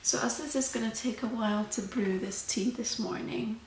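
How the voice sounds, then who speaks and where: Soft-spoken ASMR woman with creaky voice. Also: a little high, fairly even intonation, moderate pace. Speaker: host of a tea meditation channel. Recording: roomy echo, faint background noise.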